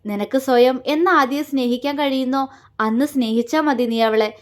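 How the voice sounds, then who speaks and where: A woman voicing a young man in an audio story, speaking gently and affectionately. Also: sits high, moderate pace, natural voice. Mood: tender. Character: young man, tender caring lover. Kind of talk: audiobook character reading.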